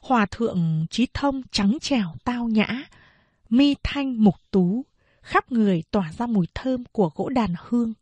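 A woman narrating a novel as an audiobook, in a slow, measured storytelling manner. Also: fairly high pitch, lively intonation, a little mellow, husky, dry recording.

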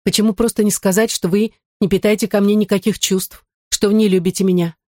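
A man's voice: sits high, fairly even intonation, a little fast, a little mellow, no echo, studio quality, voice pushed up, close to an everyday voice. A man reading an audiobook, voicing an earnest, devout young noblewoman in love. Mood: earnest pleading. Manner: earnest, pleading.

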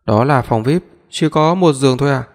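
A man's voice: mid-range voice, brisk, natural voice. A polite young nurse answers matter-of-factly, voiced by a man reading an audiobook. A long reverb trails behind the voice.

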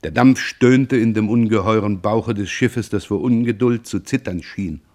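Male radio reader, low voice, measured, expressive narration. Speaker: audiobook reader. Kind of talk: literary reading for radio.

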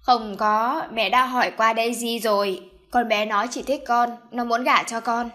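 A stubborn, scheming middle-aged mother who won't take no for an answer, read by a woman narrator. Her voice sits fairly high and comes across loud and commanding in this audiobook. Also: fairly even intonation, measured pace. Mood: insistent. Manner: insistent, commanding. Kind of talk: audiobook character voice.

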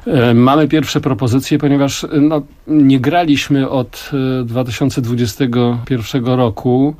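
A man in his sixties, a song translator, speaking in a reflective, measured way in a radio interview. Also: medium pitch, steady tone, darkish tone. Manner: reflective, measured, with frequent pauses. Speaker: song translator and musician, guest. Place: radio studio.

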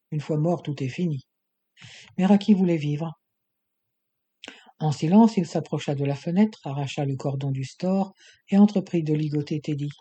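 A man narrating an adventure novel as an audiobook in a steady, measured reading. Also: a little high, slightly rough.

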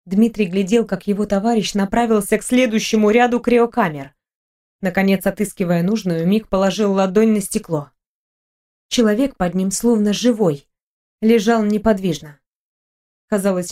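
A woman narrating an audiobook in an even, measured way. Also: medium pitch. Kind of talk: scripted narration.

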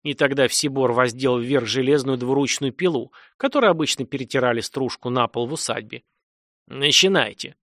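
A man reading a dark fantasy audiobook in a dramatic, swelling narration. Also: medium pitch, a little fast, few pauses, no room sound, studio quality.

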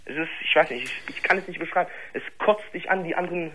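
A man's voice: fairly high pitch, fast, sharp tone, a little hiss or hum, poor audio. A nineteen-year-old man from Germany calling in to a radio show, hesitant and searching for words. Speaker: caller. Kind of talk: phone-in conversation.

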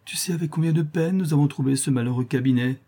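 A man's voice: fairly high pitch, fast, warm tone, voice pushed up. A man voicing a frightened, desperate middle-aged mother who speaks in a pleading, anxious way. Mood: tender.

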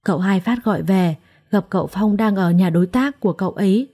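A woman's voice: medium pitch, brisk, dark tone, natural voice. A woman voicing a young female servant girl in a storybook, calling out urgently and talking in a rush of feeling. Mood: eager.

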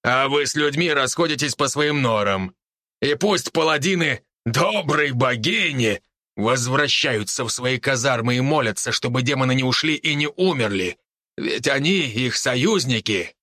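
Man as scarred wolf warlord, sneering growl, bright edge, dry close read. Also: medium pitch, animated, normal speed, no room sound. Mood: mocking. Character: scarred veteran wolf-beast warlord, mocking. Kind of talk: audiobook character voice.

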